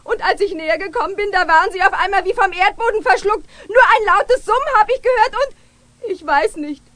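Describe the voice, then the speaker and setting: A woman's voice: very high voice, fairly quick, a bit bright, no room sound. A woman voicing a fussy, hysterical lady in a children's radio play, whiny and easily upset.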